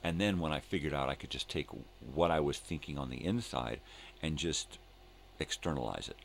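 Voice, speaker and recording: Very deep, gravelly older man, rambling. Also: moderate pace, a little hiss or hum. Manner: laid-back hippie slang, drifting and repeating himself. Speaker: host of a live morning show. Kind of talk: casual rambling chat.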